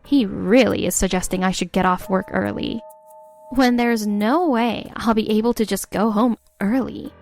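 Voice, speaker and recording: With a medium-pitched, slightly mellow voice at normal speed, an actress gives a lightly acted scripted narration. She's a fed-up young wife recounting her own story in a sarcastic, exasperated way while faint music plays.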